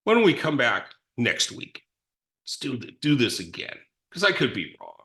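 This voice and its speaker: A middle-aged man in recovery tells his story, reflective and rambling, with many restarts and self-deprecating asides. His voice is big and loud, mid-range, with wildly swooping pitch at a moderate pace.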